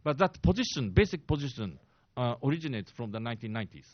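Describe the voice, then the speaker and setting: A man's voice: mid-range voice, very animated, dry recording. A man in his sixties with a Japanese accent gives a press briefing in English. He stops and restarts often and then presses his points hard. The sound is dry and a bit dull. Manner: halting, many fillers and restarts, grows emphatic. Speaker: press briefer, former diplomat.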